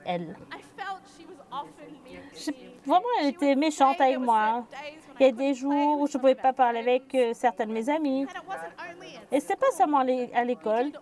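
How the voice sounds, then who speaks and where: High, mellow-voiced woman interpreter. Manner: halting, with restarts and fillers. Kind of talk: live consecutive interpretation.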